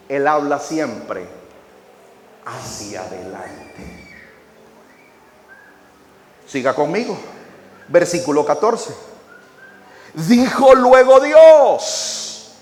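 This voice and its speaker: A man preaching a sermon, leading the congregation to repeat his words and swinging from quiet drawn-out phrases to shouted emphasis. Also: a little high. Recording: echoey hall.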